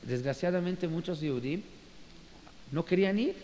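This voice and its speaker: Male rabbi, storytelling lecture, fairly high voice, reverberant room. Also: moderate pace. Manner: animated, with frequent fillers and restarts. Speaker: rabbi teaching. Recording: reverberant room with faint hiss.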